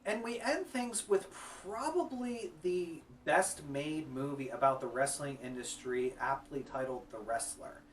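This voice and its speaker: A man's voice: a little high, unhurried, hardly any pauses, recorded from a distance, a little hiss or hum. A man co-hosting a casual review chat about wrestling films, enthusiastic and conversational.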